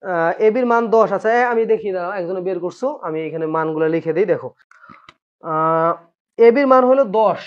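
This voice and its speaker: A man's voice: high voice, a little fast. Patient man teaching math. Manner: patient, asks students questions and repeats points. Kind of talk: classroom math lesson. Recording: dull lo-fi recording.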